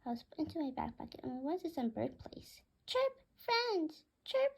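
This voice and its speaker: A woman reading a children's story aloud in first person, with a gentle, even storytelling manner. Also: high voice, quick pace, vocal fry, husky.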